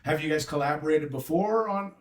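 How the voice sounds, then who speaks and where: A man's voice: on the high side, fairly quick. A man hosting a casual interview show, upbeat and chatty with frequent fillers. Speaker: host.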